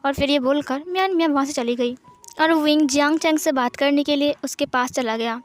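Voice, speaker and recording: A woman narrating a fan fiction story in a steady, plain reading voice. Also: high voice, brisk.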